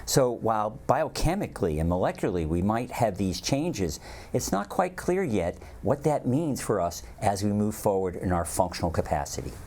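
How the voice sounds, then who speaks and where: A man who is a geriatric medicine doctor, giving measured expert commentary. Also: on the low side, very animated, darkish tone. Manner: measured, explanatory, with fillers.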